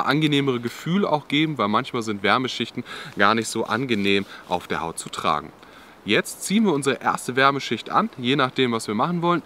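A young man who hosts an outdoor channel explains clothing layers to the camera in a drizzly forest. His mid-range voice carries a little hiss or hum. He is lively and casual, explaining things while often using the filler "ja".

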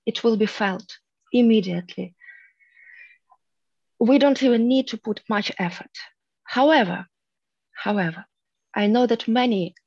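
A woman in her thirties, from Russia, leading a spiritual guided teaching on a video call, speaking softly and earnestly with drawn-out pauses. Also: medium pitch, dry recording. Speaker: meditation group leader. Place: room at home, indoors. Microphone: headset on a video call. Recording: muffled video call audio.

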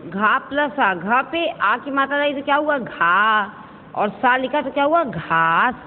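A woman teaching a primary school lesson, patient and repetitive, calling her pupils "beta" and slowly spelling out words for them to repeat. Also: high-pitched, expressive, a little hiss or hum. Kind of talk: online class lesson. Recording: tinny phone-like audio in a reverberant room.

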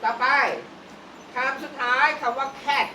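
A woman kindergarten teacher running a classroom vocabulary drill. She repeats each word slowly and coaxes the children while staying firm. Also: sits high, steady tone. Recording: echoey room from far off, clear noise.

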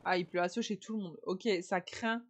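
A woman chatting softly with viewers while she streams a video game on a headset mic. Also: fairly low pitch, fairly even intonation, normal speed, slight background noise. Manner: soft-spoken, chatty with viewers. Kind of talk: casual live-stream chat while playing. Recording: game music under the voice. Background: game music.

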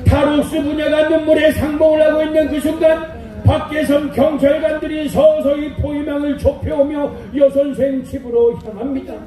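A man's voice: very high-pitched, level tone, moderate pace, warm tone, faint music behind. A man narrating a live stage play in the old byeonsa manner, declaiming in a sing-song way. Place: outdoor festival stage. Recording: echoey outdoor PA sound from far off.

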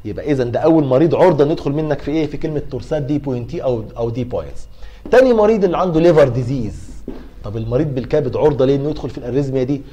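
A man's voice: medium pitch, rapid-fire, mellow, muffled recording. A middle-aged man with an Egyptian accent giving a university pharmacology lecture, asking and answering his own questions to coax his students along. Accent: Egyptian Arabic.

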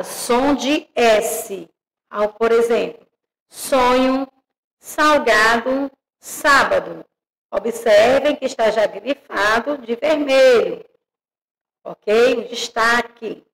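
A woman teacher giving an online grammar lesson to young children, speaking slowly and clearly and calling them affectionate names. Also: a little high, big-room sound, low-quality recording. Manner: slow and clearly articulated; warm, addresses children as "my loves". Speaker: primary school teacher.

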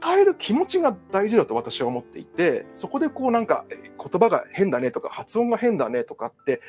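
A man's voice: fairly high pitch, darkish tone, breathy edge. A Japanese male counselor talking casually on his own, rambling with many fillers and asides. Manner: chatty, digressive, many fillers. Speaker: psychological counselor. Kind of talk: casual solo talk.

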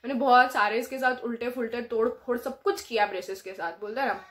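A young woman chats in a high voice while talking with braces on. She mixes Hindi and loosely and laughs often, in a relaxed vlog manner. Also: fast talker. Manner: chatty, mixing Hindi and English, laughs often. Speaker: vlogger. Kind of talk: casual chat.

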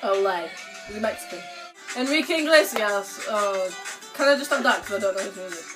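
A woman hosting a casual challenge vlog, chatting excitably with giggles and exclamations. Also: medium pitch, a little fast. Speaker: video host. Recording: distant mic with background music.

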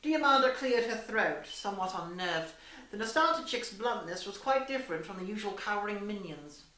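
In a small room indoors, a young woman reads a story in a theatrical, arch, mock-genteel way. Her medium-pitched voice is expressive and fairly bright, moving at normal speed, and the distant mic picks up a lot of room echo.

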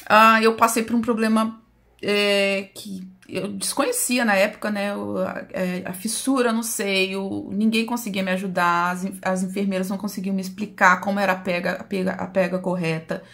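A woman's voice: mid-range voice, fairly even intonation, normal speed, creaky, fairly bright tone. Brazilian woman recounting a painful past. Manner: emotional, addresses viewers as "gente". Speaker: psychoanalyst channel host. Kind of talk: personal storytelling to viewers.

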